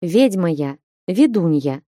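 A woman's voice: mid-range voice, animated, dark tone, no room sound, clean studio sound, lightly acted. Woman voicing an old grumbling village witch. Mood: staid. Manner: slow, staid and grumbling.

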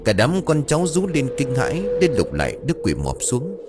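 A man's voice: mid-range voice, huge pitch swings, a little fast, over loud music. A man narrating a ghost story with dramatic, ominous storytelling.

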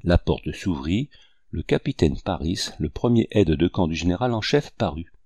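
A man narrating a historical novel in a measured, descriptive audiobook reading. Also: deep voice, lively intonation, darkish tone, no echo, studio quality.

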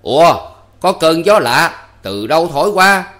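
Jovial old theatre manager played by a man, bossy, booms his lines like on stage, high voice. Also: very animated, a little slow, a bit bright. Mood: stagey bellowing. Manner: theatrical, bellowing stage declamation. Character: old male troupe manager, jovial and commanding.

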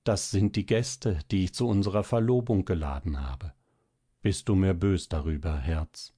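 Gentle romantic suitor, deep and hushed, earnest; a man reads him in a dry, close recording. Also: moderate pace, breathy edge, no room sound. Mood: soothing. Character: devoted young man, gentle and ardent suitor.

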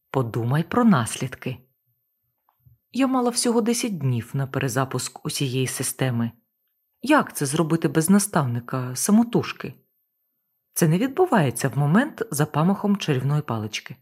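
A woman narrating a first-person novel as an expressive audiobook reading. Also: extremely low pitch, husky.

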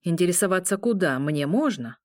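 A tense werewolf man who covers his nerves with dry jokes, as a woman reads him. The voice sits low and steady. It sounds close and dry, in an audiobook. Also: brisk, no room sound, close to an everyday voice. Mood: wry. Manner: wry, nervous joking.

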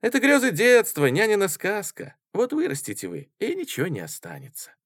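A man's voice: high-pitched, wildly swooping pitch, a little fast, fairly bright tone, no room sound, clean studio sound, pitched above the performer's own voice, exaggerated voice. A man doing a cool, scornful student. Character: male student, cool, dismissive, rationalist. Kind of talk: audiobook reading.

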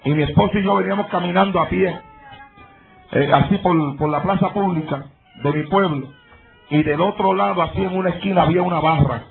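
A male pastor preaching a fervent sermon before a congregation, breaking into shouts and speaking in tongues. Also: high-pitched, fairly quick, gravelly, faint music behind. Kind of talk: Pentecostal sermon. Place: church altar before congregation. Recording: tinny phone-like live church recording with crowd.

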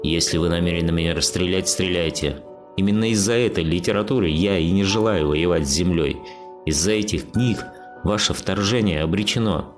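A man's voice: low-pitched, brisk, over music, natural voice. A man voicing a stubborn, bookish Martian man who argues earnestly and lectures his accuser.

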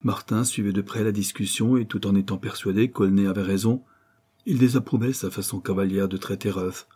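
A man reading a novel aloud in a steady, measured narration. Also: lowish voice, breathy edge. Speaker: audiobook narrator. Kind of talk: scripted narration.

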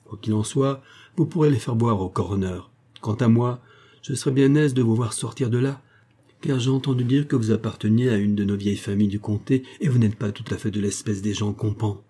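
A sarcastic, self-satisfied police detective, read by a man in an audiobook, his voice husky and dark. He talks down with mocking assurance and lifts his pitch to jeer. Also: fairly quick. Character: sarcastic, boastful middle-aged male police detective.

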